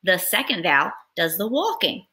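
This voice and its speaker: A woman's voice: fairly low pitch, very animated, normal speed, sharp tone. A young woman teacher reading a picture book aloud in a patient, step-by-step lesson, sounding out words.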